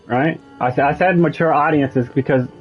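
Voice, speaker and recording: A man's voice: a little high, normal speed, muffled recording, faint music behind. A man streaming a video game, musing and digressing in casual commentary. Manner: musing, digressive, with frequent restarts. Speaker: gaming streamer. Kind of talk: casual rambling commentary over gameplay.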